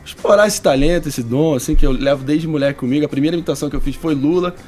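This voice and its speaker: A man's voice: fairly high pitch, very fast, a little mellow. A young man guesting on a radio studio interview, talking in an earnest, articulate way. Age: young adult. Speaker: guest impressionist. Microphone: studio radio mic.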